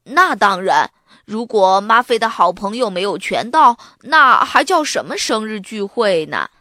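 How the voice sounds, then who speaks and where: A woman's voice: mid-range voice, very animated, a little slow, sharp tone, no room sound, studio quality. A woman voicing an eager, cheerful young boy aardvark in a read-aloud children's storybook. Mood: pleased.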